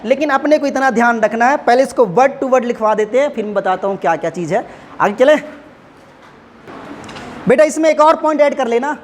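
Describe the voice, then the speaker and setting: At the board, a male chemistry teacher lectures his class, walking through the material step by step and speaking to his students affectionately. His voice is very high.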